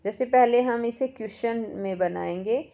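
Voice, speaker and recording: A woman teacher, reading English workbook lines slowly and explaining them in Hindi. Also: fairly high pitch, vocal fry, dark tone. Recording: dull lo-fi recording.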